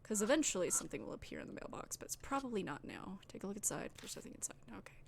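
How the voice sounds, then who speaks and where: A woman's voice: mid-range voice, big pitch swings, racing, gravelly, slight background noise. A woman streamer reading visual novel text aloud with casual, slangy asides. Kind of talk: let's-play reading game text aloud. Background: game music.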